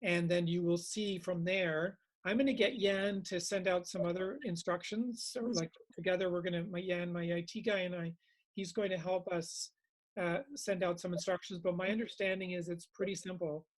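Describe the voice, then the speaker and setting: A man's voice: high-pitched, fairly even intonation, moderate pace, poor audio. Reflective male meditation teacher. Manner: reflective, repeats phrases for emphasis. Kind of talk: informal spoken teaching.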